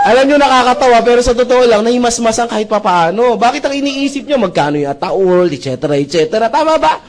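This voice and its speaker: A man's voice: very high-pitched, brisk. A man giving a live sales presentation to an audience. He jokes, keeps checking in with the crowd, and mixes English phrases into Filipino speech. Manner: jokey, animated, often asks the audience "right?". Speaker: seminar speaker presenting a business opportunity.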